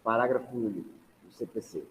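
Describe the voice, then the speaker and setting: A reverberant recording with faint noise carries a Brazilian man's mid-pitched voice. He is a lecturer dictating to a class, breaking sentences into short pieces and repeating them. He speaks punctuation aloud as he goes. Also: a little fast, fairly bright tone. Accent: Brazilian Portuguese. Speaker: law lecturer. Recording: echoey hall, background noise.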